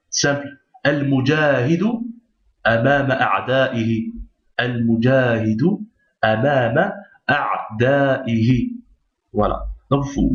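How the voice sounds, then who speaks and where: A man teaching a recorded Arabic reading lesson, patiently repeating each point and checking understanding. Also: mid-range voice. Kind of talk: recorded lesson explaining on screen. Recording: roomy, dull lo-fi recording.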